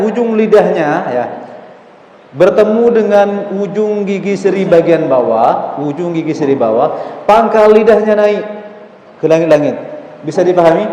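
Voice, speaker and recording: A man's voice: a little high, a little mellow, slight background noise. A man teaching Quran recitation, patiently coaxing students through pronunciation drills and demonstrating the sounds himself. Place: mosque hall. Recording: echoey mosque hall, faint ambience.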